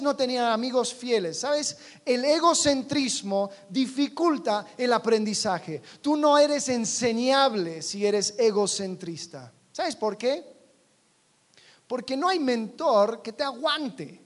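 Man preaching, high voice, conversational sermon, rhetorical questions, soft quiet stretches. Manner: conversational, asks the audience many rhetorical questions.

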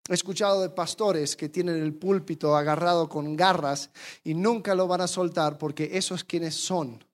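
Preacher, sermon, animated delivery, rhetorical questions, acts out attitudes. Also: mid-range voice, moderate pace.

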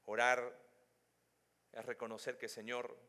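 A man preaching a sermon as pastor, moving between quiet, low reflection and loud, high emphasis, and putting questions straight to his listeners. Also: flat delivery, a little slow. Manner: addresses listeners directly with questions. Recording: long hall reverb.

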